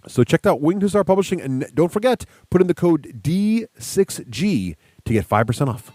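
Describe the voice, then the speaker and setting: A man's voice: on the high side, sing-song, moderate pace, a little mellow. A man chatting casually and enthusiastically as a podcast host.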